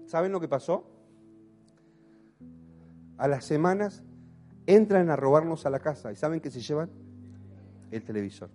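A man's voice: fairly high pitch, normal speed, long pauses, mellow, soft background music. A pastor in his thirties with an Argentine accent, preaching a passionate sermon and asking the congregation questions. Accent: Argentine Spanish. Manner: impassioned, asks the congregation questions.

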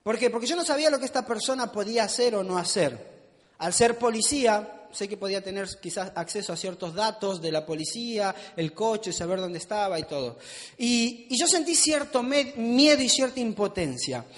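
High-voiced male preacher, reverberant hall. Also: expressive, normal speed. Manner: conversational, asks the audience questions; self-mocking humor. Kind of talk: sermon.

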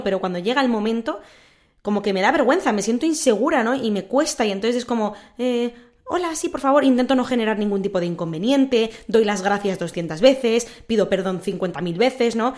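A young woman in her twenties talks through her own podcast in a casual, candid way. She chats with a mid-range pitch, often tossing in little tag questions as she gives advice. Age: 20s. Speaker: podcast host.

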